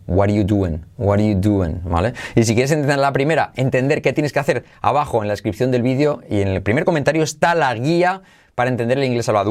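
Man, english teacher, lively repetitive drills, podcast lesson. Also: medium pitch. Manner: energetic, drills English phrases repeatedly. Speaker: English teacher, channel host.

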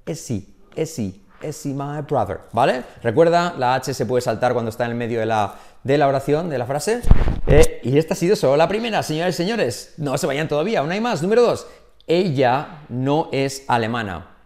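A Spanish-speaking man teaching English online. His voice sits in a middle range, and he drills phrases with lively, exaggerated pronunciation. He repeats each line over and over so the learner can copy it. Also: medium pitch, fairly quick.

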